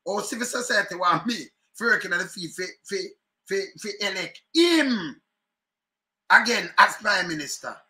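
This middle-aged Jamaican commentary host talks politics casually in patois, facing a webcam at his desk in a room at home. He has a high voice with a bright, sharp edge and a normal pace. He chuckles, gestures freely, stays animated and returns to the same points and phrases again and again.

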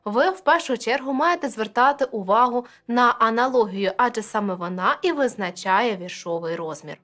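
A woman's voice: on the high side, normal speed, sharp tone. A woman teacher explaining poetic meter in a video lesson, addressing viewers directly and counting syllables aloud.

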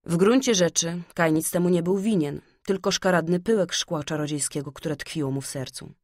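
A woman narrating a fairy-tale audiobook in a calm, measured storytelling manner. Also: fairly low pitch, dry recording, studio quality.

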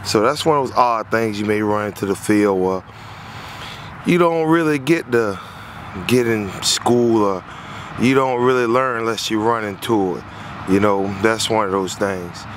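A man speaking in an unhurried, lowish voice explains an HVAC repair job in an easygoing, wandering way, saying things more than once. He recorded it outdoors on a lawn using a phone, and there is slight background noise.

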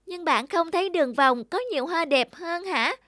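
A woman's voice: very high-pitched, moderate pace. A woman voicing a sweet, naive little girl in a children's fairy-tale cartoon, polite and childlike. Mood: carefree. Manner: bright-eyed, polite, childlike. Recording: music under the voice.

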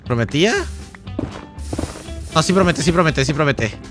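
A man's voice: on the high side, lively intonation, unhurried, music in the background. A young man with a Mexican Spanish accent, casually thinking aloud and chatting while streaming a game. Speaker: gaming streamer. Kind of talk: casual live-stream commentary.

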